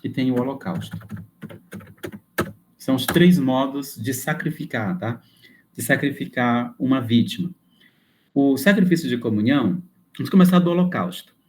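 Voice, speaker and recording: A man's voice: medium pitch, expressive, moderate pace, pauses often, darkish tone, a little hiss or hum. Man lecturing, explaining step by step. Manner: explanatory, thinks aloud with fillers and restarts. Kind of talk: classroom lecture.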